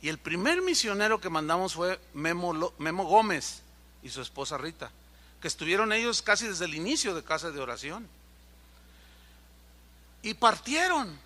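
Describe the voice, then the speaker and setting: A man's voice: sits high, big pitch swings, normal speed, pauses often, pushed and bright. A man preaching a sermon as pastor, telling stories with animation and acting out the voices of the people in them.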